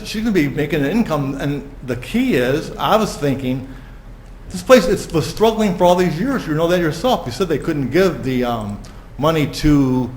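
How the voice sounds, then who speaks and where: During public comment at a village board meeting, a man with a slightly high voice speaks emphatically and from the heart, leaning on certain words and repeating himself. The meeting room is echoey, with a faint hiss.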